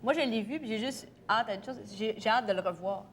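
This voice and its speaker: A woman with a Québécois French accent hosting a TV talk show, briskly prompting her guest with questions. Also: on the high side, fairly bright tone, slight background noise.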